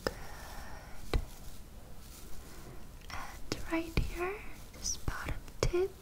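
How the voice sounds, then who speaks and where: Soft high-pitched woman whispering, whispered role-play as a caring dental hygienist, soothing and gentle. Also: flat delivery, drawn-out words, rough recording.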